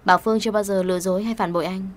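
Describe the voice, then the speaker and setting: A woman's voice: mid-range voice, steady tone, rapid-fire, natural voice. A woman voicing a loyal, outspoken young female best friend in an audio story, speaking bluntly and protectively. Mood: urgent.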